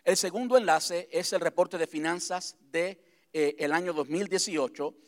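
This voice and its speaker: The setting is a church sanctuary, where a pastor shares the church's vision with the congregation. He talks in a relaxed, conversational manner, his voice a touch high, repeating important points slowly so they sink in.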